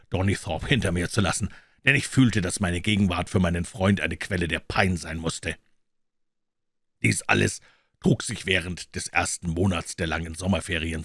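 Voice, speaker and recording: A man reading a classic story aloud as an audiobook, with measured storytelling. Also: sits low, fairly bright tone, no room sound, studio quality. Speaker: audiobook reader.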